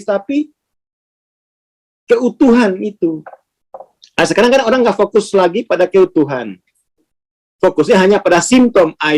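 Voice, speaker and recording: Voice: medium pitch, a little mellow. A spiritual teacher giving an informal class, talking casually, posing rhetorical questions and acting out quoted speech.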